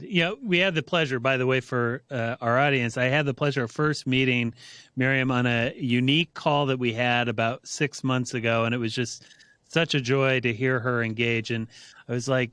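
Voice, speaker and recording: Earnest man hosting, smooth dry voice. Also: mid-range voice, fairly bright tone, no echo. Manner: earnest, measured storytelling. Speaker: podcast host. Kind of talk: reflective monologue and interview intro.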